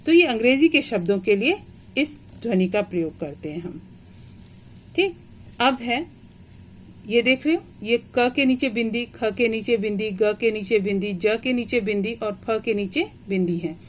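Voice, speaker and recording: A woman's voice: on the high side, lively intonation, a little slow, slight background noise. A woman teacher giving a grammar lesson, explaining step by step and checking understanding with questions.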